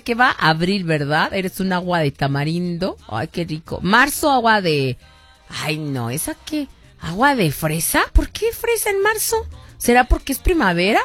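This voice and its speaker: Chatty Mexican woman radio host. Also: medium pitch. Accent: Mexican Spanish. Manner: chatty, reads listener messages aloud. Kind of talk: casual radio chat.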